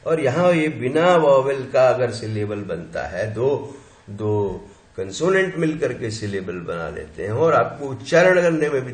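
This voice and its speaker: A man teaching a linguistics lesson, explaining slowly and sounding out syllables one by one as he counts them. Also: mid-range voice. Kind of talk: classroom lecture. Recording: echoey room sound.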